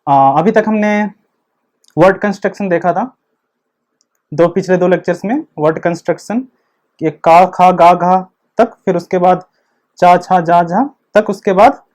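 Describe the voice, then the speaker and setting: A man giving an online video lecture, explaining slowly and step by step while he writes. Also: high-pitched, darkish tone. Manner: slow, step-by-step explaining, repeating the same check word. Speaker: teacher of a script.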